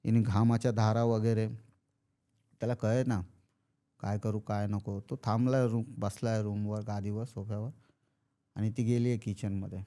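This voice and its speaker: A man's voice: lowish voice, level tone, normal speed, long pauses, warm tone. A man telling a horror story casually, acting out the characters' lines. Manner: acts out characters' lines in quoted speech. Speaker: podcast guest storyteller.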